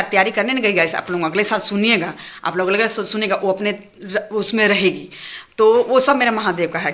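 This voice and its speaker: Fast-talking, sharp-voiced woman ranting. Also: fairly high pitch. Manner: talks fast and heated when angry, repeats phrases. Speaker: vlogger addressing her viewers. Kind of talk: angry casual rant to camera.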